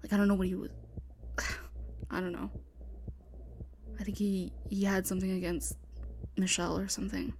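A young woman voicing a panicked sorority sister hiding from a killer, talking in hushed, frantic whispers and swearing often. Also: on the high side, animated, unhurried, long pauses, a little hiss or hum. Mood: urgent whisper. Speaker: voice actor in an audio roleplay. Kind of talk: one-sided audio roleplay.

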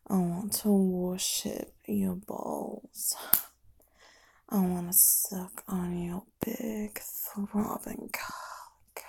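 A woman doing a whispered ASMR hypnosis, speaking in a slow, soft, unvoiced whisper as she counts down. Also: fairly low pitch, gravelly, a little hiss or hum. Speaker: ASMR performer.

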